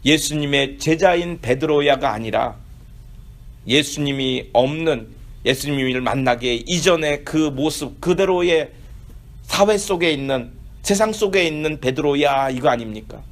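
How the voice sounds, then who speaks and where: A man's voice: a little high, measured pace. A middle-aged man preaching a sermon as pastor, building emphasis on key points and acting out quoted questions.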